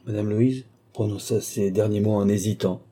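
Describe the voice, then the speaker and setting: A man narrating a classic novel as an audiobook, in a measured literary manner. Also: fairly low pitch, steady tone, warm tone.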